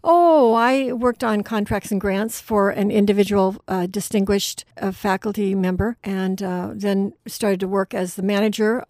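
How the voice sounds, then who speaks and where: A woman's voice: medium pitch, steady tone, unhurried, few pauses, a little mellow, dry recording. A woman in her sixties from Wyoming, a retiring university administrator chatting upbeat on a radio interview, with frequent fillers. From Wyoming, USA.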